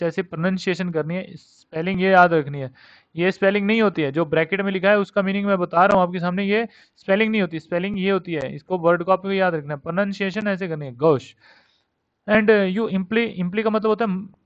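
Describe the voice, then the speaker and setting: A man teaching a vocabulary lesson, explaining in Hindi and reading lines slowly. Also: high voice, no room sound. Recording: dull lo-fi dry recording.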